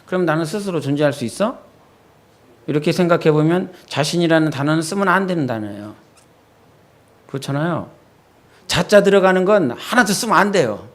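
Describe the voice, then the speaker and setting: A male pastor giving a midweek sermon in a church. He talks with the congregation, asks them quick questions, and goes soft and low when he quotes his own prayers. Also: animated. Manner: conversational preaching, quizzing the congregation with quick questions. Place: church sanctuary.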